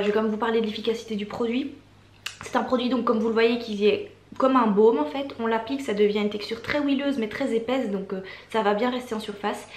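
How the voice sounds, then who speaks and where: A young woman in her twenties chatting enthusiastically about her favorite products, with lots of fillers. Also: a little high. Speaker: beauty and lifestyle vlogger. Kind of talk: casual product favorites talk. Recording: echoey room.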